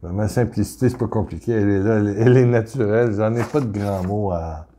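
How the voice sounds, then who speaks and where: A middle-aged man with a Québécois accent gives an informal spiritual talk, reading viewers' letters aloud in a halting way with many restarts. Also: on the low side, mellow, a little hiss or hum. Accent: Québécois French.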